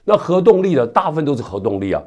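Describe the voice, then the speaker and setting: A man in his fifties with a stuffy nose and slight hoarseness from a cold, hosting conversational news commentary to camera on a lapel mic. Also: fairly high pitch, big pitch swings, very fast, a little mellow. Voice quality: stuffy, strongly nasal from a cold. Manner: conversational, with frequent sentence-final particles and rhetorical tags. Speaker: news commentary show host. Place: indoor studio with virtual backdrop.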